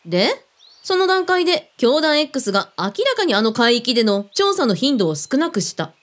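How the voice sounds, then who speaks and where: Her voice is high and very animated at a normal speed as she plays the brusque boss of a secret unit in an audio drama. She uses casual, blunt, masculine phrasing, and her manner comes across as wry and probing.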